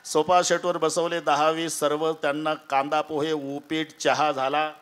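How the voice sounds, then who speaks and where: A man's voice: a little high, flat delivery, measured pace, a bit bright, soft background music. A man preaching a devotional kirtan sermon, telling stories dramatically and acting out voices. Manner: dramatic storytelling with acted voices.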